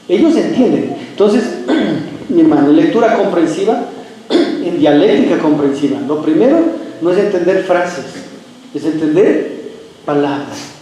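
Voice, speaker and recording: A male pastor delivers an emphatic sermon, pressing his listeners with rhetorical questions. His voice sits high yet sounds mellow and dark in tone. It rings around a very echoey church room. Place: church sanctuary.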